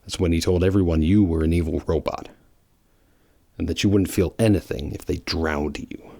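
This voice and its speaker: A man playing a brooding, loyal hedgehog antihero in an audio drama, speaking in a grave, halting, guarded way. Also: low voice, fairly even intonation, gravelly, warm tone, no room sound. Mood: bitter.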